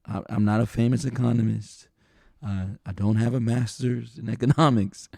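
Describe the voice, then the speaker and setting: A middle-aged man with a gravelly edge to his mid-range voice, co-hosting a podcast. He talks casually and with strong opinions, laughs often and thinks out loud. The close mic keeps the sound dry. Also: mid-range voice, normal speed, no echo. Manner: animated, laughs often, thinks aloud with restarts. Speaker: podcast co-host.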